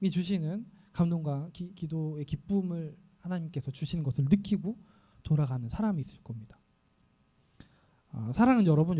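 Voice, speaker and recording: A male pastor preaching an earnest sermon, often voicing prayers aloud and pausing with fillers. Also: a little high, dark tone.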